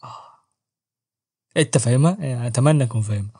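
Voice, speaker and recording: Fast-talking joking Egyptian man. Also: mid-range voice, dark tone, husky. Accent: Egyptian Arabic. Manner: joking, slangy, self-mocking. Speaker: book reviewer and channel host. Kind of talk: casual book review vlog.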